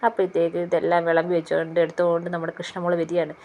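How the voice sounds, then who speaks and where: A woman's voice: on the low side, monotone, very fast, a little mellow, slight background noise. A woman casually retelling a TV serial episode, rambling on with fillers and repeated "she says" tags.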